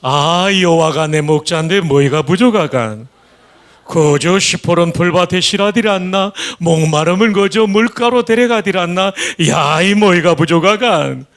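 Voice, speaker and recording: A man's voice: high voice, moderate pace, fairly bright tone, voice pushed up. A man reciting a psalm in a Pyongan dialect, lilting and folksy. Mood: amused.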